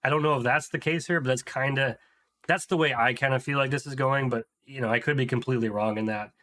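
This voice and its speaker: A man's voice: medium pitch, fairly even intonation, quick pace, pushed and bright. A young adult man reacting to a clip in casual commentary, thinking aloud with frequent hesitations and restarts. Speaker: video reaction host.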